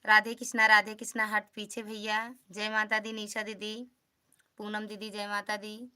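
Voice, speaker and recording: A woman from Uttar Pradesh, India, with an Awadhi accent hosts a casual live stream, chatting, greeting commenters by name, and asking viewers to support each other and come back. Her medium-pitched voice is monotone, bright, forceful, and smooth, and she speaks unhurriedly.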